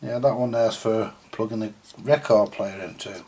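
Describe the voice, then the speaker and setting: This man's fairly low, slightly mellow voice moves at a normal speed as he repairs vintage radios on video. Speaking in casual British colloquialisms, he talks himself through the job with a bit of a grumble.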